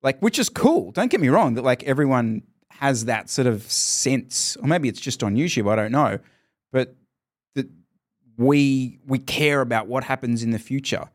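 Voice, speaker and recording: A man's voice: mid-range voice, lively intonation, moderate pace. A man co-hosting a cycling podcast, rambling enthusiastically in casual chat. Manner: rambling, lots of "like" fillers and restarts, enthusiastic. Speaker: podcast co-host.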